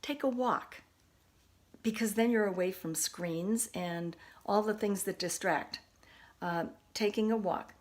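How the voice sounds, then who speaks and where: A woman's voice: mid-range voice, unhurried. An older woman giving an earnest, homey talk, working through her points one by one. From United States. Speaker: course instructor. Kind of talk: informal lecture.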